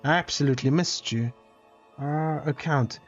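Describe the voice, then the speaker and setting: A man's voice: on the high side, normal speed, muffled recording, soft background music. A man streaming a game, chatting casually with viewers in a rambling, self-interrupting, playfully dramatic way. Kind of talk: casual live-stream chat while gaming.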